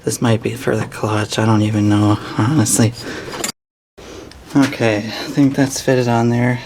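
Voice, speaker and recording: A man's voice: on the low side, level tone, a little slow, background noise. A man giving a plain, hands-on walkthrough of a repair, explaining as he works on an engine. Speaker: DIY mechanic. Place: working in a vehicle's engine bay.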